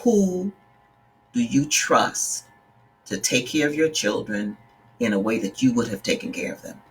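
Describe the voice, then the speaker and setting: A woman's voice: very deep voice, animated, unhurried, faint music behind. A middle-aged woman from the Bahamas, a life coach talking casually to her live-stream viewers in an earnest, direct way and greeting them by name. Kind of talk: casual livestream talk.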